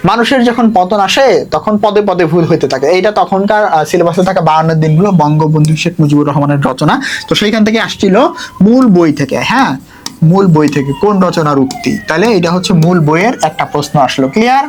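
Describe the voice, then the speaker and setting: A man's voice: sits high, lively intonation, fast talker, a little mellow, a little hiss or hum. Chatty male tutor. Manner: chatty, checks in often with rhetorical questions. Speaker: admission test tutor. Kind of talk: exam prep lesson.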